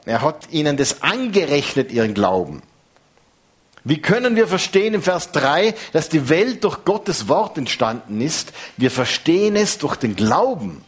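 A man, preaching a sermon in a lively, conversational way. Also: on the high side, slightly rough. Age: 50s.

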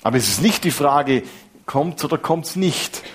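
A man, preaching a sermon in a lively, conversational way. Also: fairly high pitch, normal speed, slight background noise. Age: 50s.

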